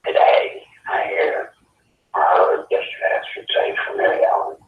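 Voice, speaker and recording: A man's voice: moderate pace, distant mic. A man calling in on speakerphone, talking in an earnest, pleading, urgent way as a guest caller. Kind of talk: casual talk. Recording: tinny phone line on speaker, roomy, faint noise.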